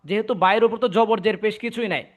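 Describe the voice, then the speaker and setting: Patient high-voiced man teaching recitation. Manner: patient, repeats syllables slowly for students to echo. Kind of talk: online class teaching.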